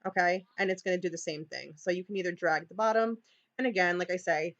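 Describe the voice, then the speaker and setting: A woman's voice: fairly low pitch, fast, lo-fi sound. A woman with a New York accent leading a live screen-share tutorial for teachers, chatty, with many "okay"s and restarts. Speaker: teacher leading a training session.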